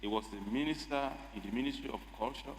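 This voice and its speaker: Nigerian lawmaker in an echoey hall. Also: male voice, medium pitch. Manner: measured, emphatic. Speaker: state lawmaker. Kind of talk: formal parliamentary speech. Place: legislative chamber. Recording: echoey assembly hall with faint noise.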